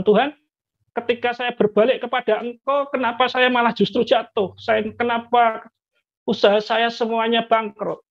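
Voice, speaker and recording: A man's voice: high-pitched, creaky. A man giving a personal faith testimony to a congregation, speaking earnestly and often addressing the listeners directly as brothers and sisters. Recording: dull lo-fi recording.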